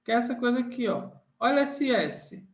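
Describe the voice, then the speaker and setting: Very high-pitched and animated, a man runs an online grammar class with screen sharing at a moderate pace in an echoey room. His tone is warm and informal, with lots of diminutives, and he repeats every rule while regularly checking in with "tá?" and "certo?".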